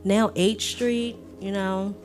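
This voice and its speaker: A woman's voice: medium pitch, steady tone, slow pace, a little mellow, soft background music. A woman from Washington, D.C., co-hosting a casual podcast chat, candid and frank, with some swearing. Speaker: podcast co-host.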